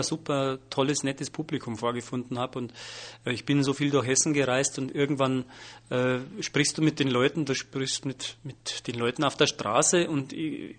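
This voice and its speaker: A man from Bavaria, a comedian, answering interview questions in a lively, animated way with frequent restarts and fillers. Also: medium pitch. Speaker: comedian and wordplay artist.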